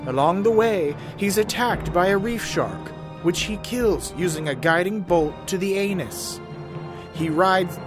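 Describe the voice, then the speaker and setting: A man giving a scripted narration of a tabletop game's events. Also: fairly high pitch.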